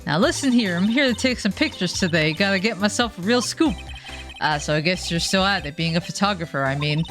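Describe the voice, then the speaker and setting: A brash, folksy young photographer gal with a put-on Southern drawl, as a woman streamer puts her on. She talks big and sure of herself, over soft background game music. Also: on the low side, animated, a little fast. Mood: boastful.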